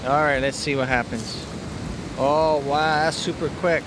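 The sound of wind and waves surrounds a man talking casually to a toddler on a sandy lakeshore beach. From behind a handheld phone camera, he films the child at play and patiently repeats simple instructions in an unhurried, a little high voice with fairly even intonation.

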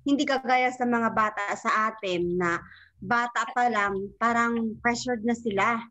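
A woman's voice: a little high, measured pace, sharp tone, dry recording. A woman, reflecting in casual chat and asking rhetorical questions. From Philippines.

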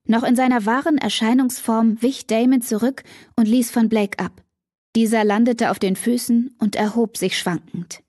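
A woman's voice: on the high side, fairly even intonation, normal speed, a little mellow, no room sound. Woman narrating a dry fantasy audiobook.

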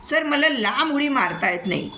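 A woman's voice: high-pitched, animated, normal speed, pushed and bright, a little hiss or hum, pitched above the performer's own voice, heavily acted. A woman voicing a timid, bumbling train driver. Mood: fretful. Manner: pleading, silly excuses.

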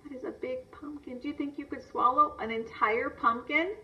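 Heard as a distant, dull replay through a screen's speaker, a woman teacher reads aloud to young children in a re-recorded video lesson, emphasizing words and asking easy questions. Her voice is high-pitched with fairly even intonation and a moderate pace.

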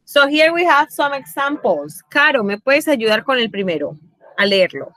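A woman English teacher runs an online class in a high, bright, forceful voice, very animated yet at a measured pace. She is patient and checks in with her students often through questions. There's no room sound.

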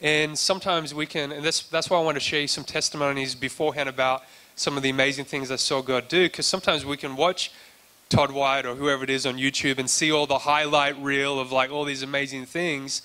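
A man preaching in an easy, chatty sermon voice, bright and crisp in tone. He tells his story with little rise and fall in pitch, acting out the lines he quotes. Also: level tone, brisk. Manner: conversational, acts out quoted dialogue, frequent restarts. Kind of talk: sermon testimony.

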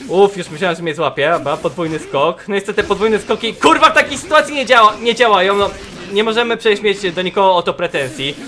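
A young man giving sarcastic, swearing gameplay commentary, often breaking into frustrated shouts. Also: sits high, fast talker, very noisy. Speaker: gaming youtuber.

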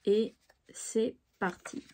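A woman's voice: very slow, a little mellow, a little hiss or hum. A woman hosting a craft tutorial, chatting casually and thinking aloud with fillers. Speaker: craft channel host.

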